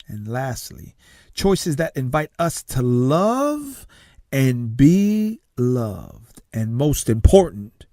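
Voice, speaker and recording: This talk-show host, a success coach who grew up in Tonga and speaks Tongan natively, delivers a motivational monologue slowly and emphatically, with dramatic pauses and phrases dropped to soft near-whispers. His pitch is fairly high, and the clean studio sound carries no echo.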